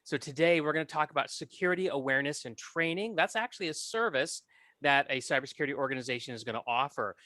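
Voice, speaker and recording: A man hosts a podcast with a bright, forward voice. He explains things in a friendly, clear way. The sound is close and dry. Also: a little high, fast talker, dry recording. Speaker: podcast host. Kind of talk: podcast introduction.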